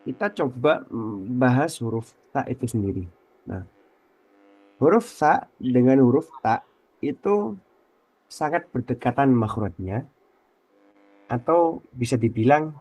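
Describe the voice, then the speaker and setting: A man with an Indonesian accent teaching Quran recitation on a radio program, explaining patiently and repeating letter sounds slowly as examples. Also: medium pitch, expressive, darkish tone, no room sound. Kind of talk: radio tajwid lesson. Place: radio studio.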